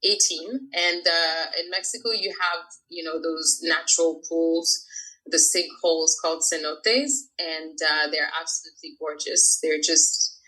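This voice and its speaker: Bright-voiced woman in her thirties, from France. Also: low-pitched, fairly even intonation, unhurried, rough recording. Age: 30s. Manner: chatty, laughs often, many fillers. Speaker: guest, freediver. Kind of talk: casual interview talk.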